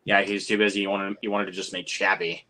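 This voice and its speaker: A man's voice: deep voice, completely flat delivery, fast talker, pushed and bright. A man giving firm opinions in casual movie chat, often repeating words as he starts.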